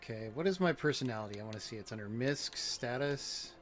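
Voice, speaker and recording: A man's voice: medium pitch, expressive, brisk. A man chatting casually as he streams a video game and reacts to it. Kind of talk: casual gameplay stream chat. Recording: game music behind the voice. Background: video game music.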